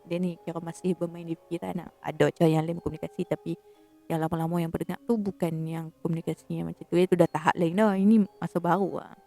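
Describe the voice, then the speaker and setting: A woman with a northern Malaysian accent telling a spooky story in a casual, animated way, sometimes dropping to a hush. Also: lowish voice, quick pace, faint music behind. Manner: animated, drops to a hushed whisper for suspense.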